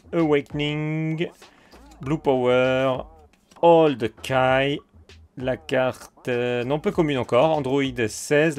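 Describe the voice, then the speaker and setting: Excitable man opening trading cards. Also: on the high side. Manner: excitable, hyped, roll-calling card names. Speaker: card opening host. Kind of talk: casual booster opening commentary.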